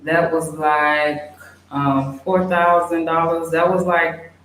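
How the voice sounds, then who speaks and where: A young woman chatting casually, reading out and answering viewer questions in a relaxed way with many fillers. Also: low voice, takes it slowly. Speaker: expat vlogger. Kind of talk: casual livestream Q&A. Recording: very echoey room, faint hiss.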